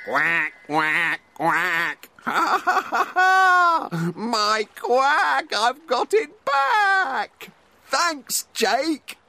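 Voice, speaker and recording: A man voicing a small, excitable male duck in a children's story, with a squawky, breathless manner. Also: extremely high pitch, drawn-out words, a little hiss or hum, pitched above the performer's own voice, full character voice. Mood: overjoyed.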